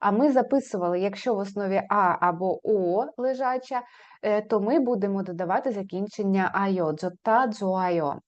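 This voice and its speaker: A woman teaching an online language lesson, slowly and clearly repeating example words for her students. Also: mid-range voice, dull audio.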